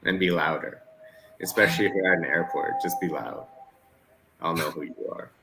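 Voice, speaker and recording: A Canadian man with a lowish voice and a forceful, tense edge rants through casual football chat. He swears freely and talks with animated heat. There is a faint hum of noise behind him. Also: moderate pace, gravelly, poor audio. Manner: profane, ranting, animated. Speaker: co-host of a football watchalong.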